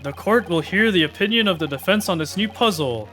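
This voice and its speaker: A woman's voice: on the low side, animated, fairly bright tone, faint music behind. A woman voicing a stern old judge. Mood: formal. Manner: formal, measured. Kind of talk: amateur game voice-over.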